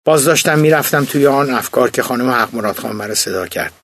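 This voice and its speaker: A man, the author, reading his own memoir as an audiobook in a recording studio, in a low, subdued storytelling manner. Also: a bit bright, dry recording.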